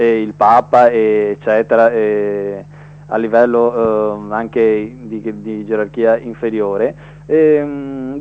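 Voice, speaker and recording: A man calling into a radio show over the phone, talking in a hesitant way with many fillers and restarts. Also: medium pitch. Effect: heard over the phone line. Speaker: radio call-in caller. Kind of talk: casual debate on air. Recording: muffled phone-line audio.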